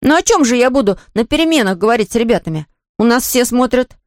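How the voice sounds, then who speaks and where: A woman's voice: fairly high pitch, animated, quick pace, dry recording, clean studio sound, voice pushed up, close to an everyday voice. A woman voicing a timid young schoolboy who scares easily, in a whiny, defensive tone.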